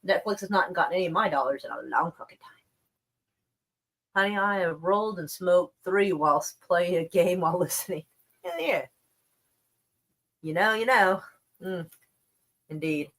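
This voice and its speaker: A woman's voice: on the low side, animated, normal speed, pauses often, fairly bright tone. A woman chatting casually on a live stream about the news, rambling and wry, with plenty of swearing. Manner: profane, laid-back, wry.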